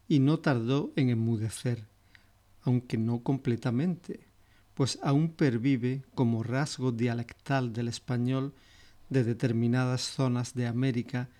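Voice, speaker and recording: Guy narrating a language lesson, really slow and careful, normal pitch. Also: dark tone. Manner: slow, measured, deliberate delivery. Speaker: language teacher. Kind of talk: scripted educational narration.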